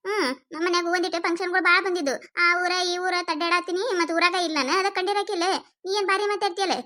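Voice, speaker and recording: An indignant village woman with a North Karnataka accent, voiced by a woman for a cartoon, protesting that she is not avoiding anyone over a small debt. She talks fast in a very high, bright voice. Her tone stays defensive and protesting throughout. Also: steady tone. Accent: North Karnataka Kannada. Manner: protesting, indignant, quick talker. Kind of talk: cartoon voice acting.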